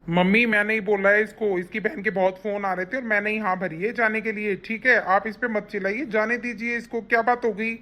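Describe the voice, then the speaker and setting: A woman voicing a grown son in an animated family cartoon, firm and dismissive of old customs. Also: mid-range voice, a little fast, few pauses, voice pushed down, natural voice. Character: grown son, calm, takes the wife's side.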